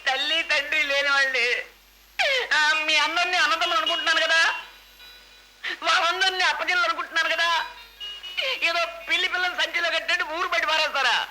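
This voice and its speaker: High-voiced mock simpleton. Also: male voice, steady tone, fast, pauses often, noisy background. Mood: comic. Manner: wheedling, mock-innocent, comic. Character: crafty young man playing the simpleton. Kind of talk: 1970s Telugu film acting.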